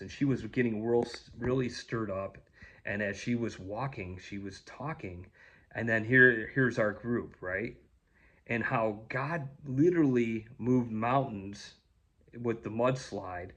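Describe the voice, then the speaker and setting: A man telling a faith testimony in a casual, rambling way, with many fillers and restarts. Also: mid-range voice. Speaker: storyteller sharing a faith testimony.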